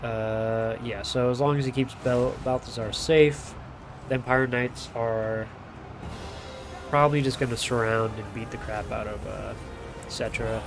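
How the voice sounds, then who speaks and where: A streamer with a nasal, blocked-sinus voice gives loose, chatty play-by-play on a strategy game, swearing now and then. He speaks at medium pitch with a flat delivery and a measured pace, and music plays in the background.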